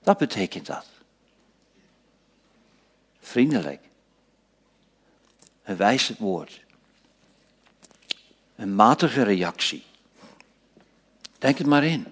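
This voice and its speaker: A man preaching a sermon, dropping to hushed whispers and rising to loud, emphatic passages, slowing down to stress key phrases. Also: fairly low pitch, very animated, breathy edge. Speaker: pastor.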